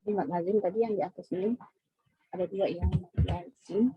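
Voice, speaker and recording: A woman's voice: on the low side, fairly even intonation, a little fast, slightly rough, no echo, muffled recording. A woman teaching a tajwid lesson in a mosque class, patient and repetitive, often checking in with her listeners. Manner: patient, repeats points with frequent "ya" checks. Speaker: Quran recitation teacher.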